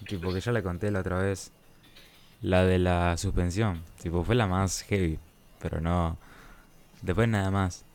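A man's voice: deep voice, steady tone, measured pace, darkish tone. A man with an Argentine accent telling a school story in a casual chat, hesitant and full of fillers. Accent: Argentine Rioplatense Spanish. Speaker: podcast co-host.

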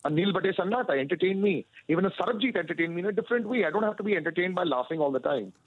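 Fast-talking, husky man on a dull line. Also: high voice, animated, dry recording. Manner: chatty, opinionated, enthusiastic. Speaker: Bollywood gossip correspondent. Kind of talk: casual chat over radio.

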